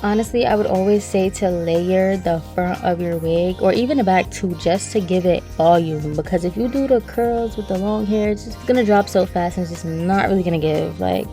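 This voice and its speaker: A woman's voice: lowish voice, moderate pace, hardly any pauses, warm tone, soft background music. A twenty-year-old woman hairstylist from Trinidad and Brooklyn, chatting through a casual voice-over hair tutorial in a slangy way. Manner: chatty and slangy, addresses viewers as y'all. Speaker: hairstylist and vlogger. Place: voice-over, not recorded in the pictured place.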